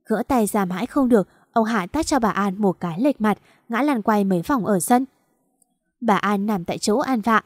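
Woman narrating a family drama audiobook, steady storytelling, dry close voice. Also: medium pitch, moderate pace, no room sound.

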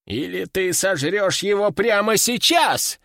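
A man's voice: high voice, expressive, takes it slowly, creaky, a bit bright, no room sound, studio quality, heavily acted. A man voicing a stern, domineering old male sorcerer in an audiobook, giving harsh orders. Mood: angry. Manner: commanding and harsh. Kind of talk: audiobook character voice.

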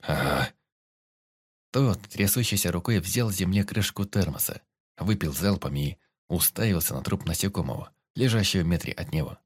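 A man narrating an audiobook in a steady, even storytelling manner. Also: sits low, fairly quick, breathy edge, no room sound, studio quality.

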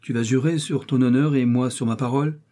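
A man's voice: medium pitch, fairly even intonation, fairly quick, dark tone, voice pushed up, close to an everyday voice. A man reading an audiobook, voicing a young male musketeer who speaks coldly and with precise irony. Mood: coolly mocking. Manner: cool, mocking, precise.

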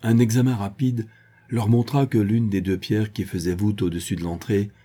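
A man's voice: fairly low pitch, fairly even intonation, moderate pace, dark tone. A man reading a novel aloud as an audiobook, narrating and giving the dialogue in one plain voice. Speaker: audiobook reader.

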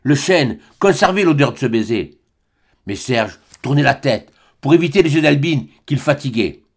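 Expressive French male audiobook narrator. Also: mid-range voice, moderate pace, husky. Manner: expressive, melodic storytelling.

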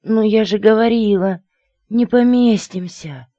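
A man voicing a hysterical female crow in an audiobook, raising his voice to a shrill, panicky squawk. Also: a little slow, mellow, no echo, muffled recording. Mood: whining.

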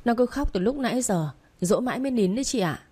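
A timid young receptionist in a spoken novel, put on by a woman narrator. She sounds hesitant and apologetic, raised noticeably in pitch. The tone remains soft and mellow. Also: animated, quick pace, husky.

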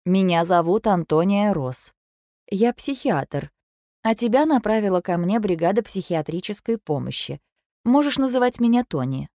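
A woman voicing a calm, patient female psychiatrist who speaks in measured phrases. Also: mid-range voice, no echo, studio quality, natural voice.

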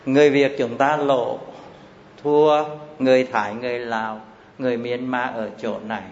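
A man's voice: mid-range voice, steady tone, normal speed, darkish tone. A man teaching Buddhist doctrine in a classroom lecture, repeating key terms and asking his listeners rhetorical questions. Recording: echoey hall, slightly dull with faint hiss.

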